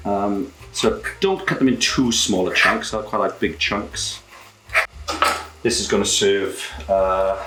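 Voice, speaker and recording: A man's voice: lowish voice, takes it slowly, echoey room, heavy background noise. A British man with a camp, cheeky manner, casually presenting a cooking demonstration as a home cook. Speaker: home cook presenting own recipe show. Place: indoor kitchen.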